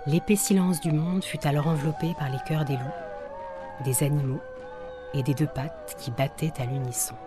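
A woman reading a children's tale aloud, gentle and soft-spoken, at times dropping to a whisper. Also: low voice, fairly even intonation, moderate pace. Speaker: storyteller. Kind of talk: storybook reading. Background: faint music.

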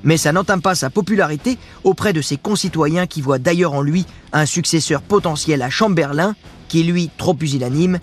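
A man's voice: on the high side, normal speed, soft background music. A man giving scripted history narration with casual asides, talking straight to the listener in a chatty way. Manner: chatty, addresses the listener directly.

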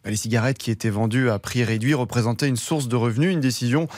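Brief: man news columnist, fast and wry, dry close studio mic. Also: mid-range voice, darkish tone, no room sound.

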